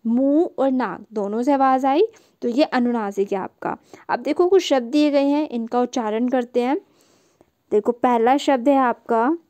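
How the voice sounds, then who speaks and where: Slow, high-voiced teacher woman. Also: darkish tone, clean tone. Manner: slow, patient, repeating and sounding out syllables. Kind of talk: online Hindi lesson for young children.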